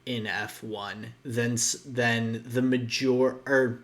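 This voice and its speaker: A young podcast co-host speaks slowly in a medium-pitched, slightly bright voice with fairly even intonation. His casual chat is rambling, marked by frequent restarts and guesstimates.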